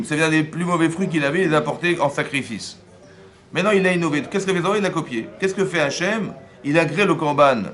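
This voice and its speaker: A man, a rabbi, giving a lively Torah class, often acting out dialogue and asking his listeners whether they follow. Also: a little high. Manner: acts out dialogue in first person.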